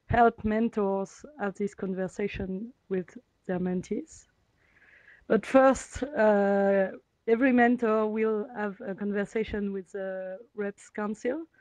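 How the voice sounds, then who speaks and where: Brief: woman on a video call, slow and deliberate, dry, muffled sound. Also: medium pitch, darkish tone, no echo. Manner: halting, deliberate. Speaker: program mentor coordinator. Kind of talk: meeting status update. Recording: dull, dry lo-fi audio.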